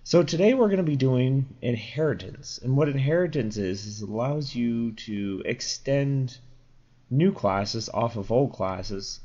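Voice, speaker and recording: A young man hosts a programming tutorial in a mid-range, darkish voice made slightly crackly by a sore throat. He explains code casually in a rambling screen recording, using fillers and correcting himself, and the lo-fi mic sounds dull.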